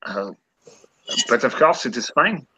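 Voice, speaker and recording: A man's voice: mid-range voice, big pitch swings, measured pace, pushed and bright, husky, heavily acted, low-quality recording. A man doing a hesitant French scholar. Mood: polite. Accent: attempted French. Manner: hesitant, many fillers, slips into other accents. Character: scholarly male linguist Remy, polite and modest. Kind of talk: improvised tabletop role-play.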